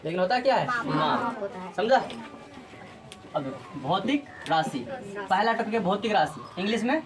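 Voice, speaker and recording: A woman's voice: mid-range voice, expressive, moderate pace, a crowd in the background. A woman teaching a physics class, drilling students with repeated call-and-response questions. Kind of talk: classroom lecture.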